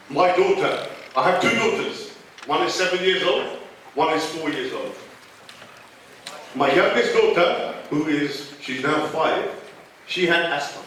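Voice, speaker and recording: A middle-aged man from London pleads emotionally with officials at a public meeting, his voice pitched fairly high. He is picked up from far off in a large hall, and heavy echo surrounds every word. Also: slight background noise. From London, England. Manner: emotional, pleading, rising to shouting. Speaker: local resident speaking at a public meeting. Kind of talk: impassioned public appeal.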